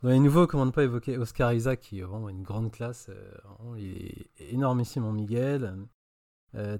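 A man reviewing a film on a podcast, enthusiastic and opinionated, often pausing on fillers. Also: on the low side, mellow, no echo. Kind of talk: casual podcast chat.

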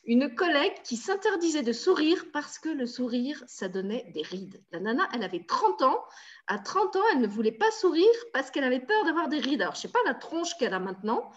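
A woman hosting a talk show, telling stories in a lively, exclamatory way. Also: high-pitched, brisk, few pauses, dull audio. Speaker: show host.

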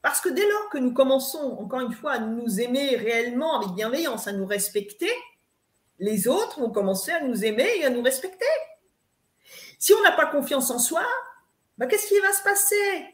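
Cast note: emphatic woman coach, high voice, roomy echo, lecturing with frequent fillers. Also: expressive, moderate pace. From eastern France. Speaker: spiritual coach guest. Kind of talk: live advice talk.

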